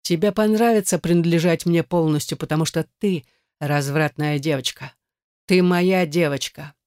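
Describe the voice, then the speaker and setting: A man voicing a possessive, domineering male captor in a low, hushed, commanding way while reading an erotic audiobook. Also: steady tone, moderate pace, clean tone, dry recording, clean studio sound, natural voice.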